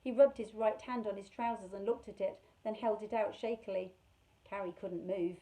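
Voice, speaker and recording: A woman reading a children's novel aloud in a measured, expressive way. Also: mid-range voice, rough recording. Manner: measured, expressive, slows on key words. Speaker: storyteller for children.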